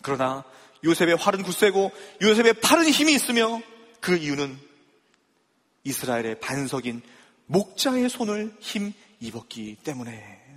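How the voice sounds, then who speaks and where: A man's voice: on the high side, sing-song, normal speed, fairly bright tone, long reverb tail. A male pastor preaching a sermon, driving his points home with emphatic rhetorical questions to the congregation. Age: young adult or middle-aged father.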